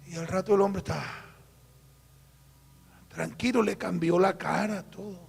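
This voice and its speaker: A Colombian man preaching as a pastor, telling a story with acted-out dialogue and dropping to a hush for quoted voices. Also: sits high, fairly even intonation, measured pace, vocal fry, breathy edge. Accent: Colombian Spanish. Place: church. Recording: live church recording, long hall reverb.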